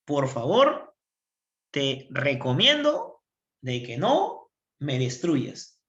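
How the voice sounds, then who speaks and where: A man's voice: fairly high pitch, wildly swooping pitch, very slow, a bit bright, lo-fi sound, full character voice. A male teacher voicing a doomed bacterium that pleads and warns not to be eaten, in a roomy echo. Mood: begging. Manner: pleading, warning.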